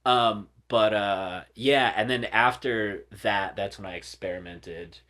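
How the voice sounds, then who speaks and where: Low-voiced man telling a rambling story. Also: slow pace. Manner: rambling, filler-heavy, drops to soft murmurs. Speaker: podcast guest. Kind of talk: casual storytelling.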